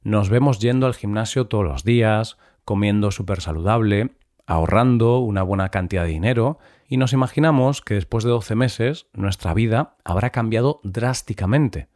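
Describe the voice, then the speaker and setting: A man with a Spain accent hosting a podcast for learners, his throat still recovering from flu so he sounds a bit rough and hungover. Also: on the low side, moderate pace, darkish tone, dry recording, clean studio sound. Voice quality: slightly rough, worn throat. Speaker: podcast host for Spanish learners. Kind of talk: scripted podcast narration for language learners.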